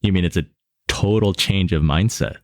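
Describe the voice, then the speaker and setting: A man's voice: low voice, moderate pace, a little mellow, dry recording, clean studio sound. A man hosting a podcast interview, introducing the guest and asking questions in an upbeat, enthusiastic way. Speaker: podcast host.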